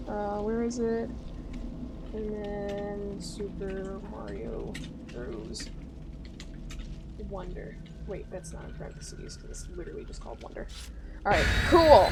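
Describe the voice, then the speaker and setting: A young woman with an American accent, chatting casually with her stream viewers in an animated, chatty way. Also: medium pitch, heavy background noise. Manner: chatty, animated retelling, frequent laughter.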